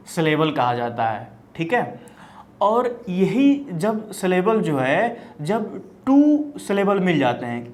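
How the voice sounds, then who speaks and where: Slow, lively-voiced male teacher. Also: sits high. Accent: Indian English. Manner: explains in Hindi mixed with English, repeats key terms, asks and answers own questions; frequent "ठीक है?" checks with students. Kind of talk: exam-prep literature lecture.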